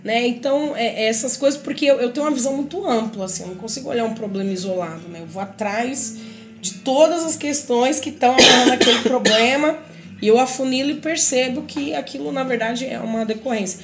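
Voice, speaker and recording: A woman's voice: fairly high pitch, fast, over music. A woman giving an earnest, reflective personal testimony at a group meeting, often checking in with her listeners. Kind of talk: personal life-story testimony.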